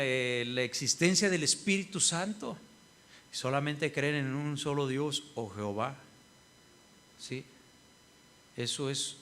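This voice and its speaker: A man's voice: medium pitch, fairly bright tone, a little hiss or hum. A male pastor preaches a sermon, often asking the congregation "¿sí?" and acting out what other people say. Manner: asks the congregation "¿sí?" often, acts out quoted people.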